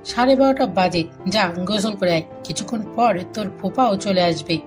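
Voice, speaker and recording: A woman plays a caring aunt in an audio story. She coaxes her nephew gently, at a mid pitch. Clear background music runs under her voice. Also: normal speed, lightly acted. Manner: gentle, coaxing. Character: kindly aunt who cooks for her nephew.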